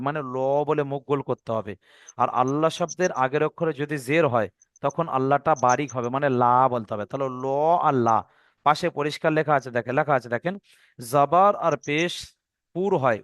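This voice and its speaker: A man's voice: on the high side, fairly bright tone, no echo, studio quality. A man teaching Quran recitation rules, explaining patiently and repeating each point. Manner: patient, repeats rules step by step, checks understanding. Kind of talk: online Quran reading lesson.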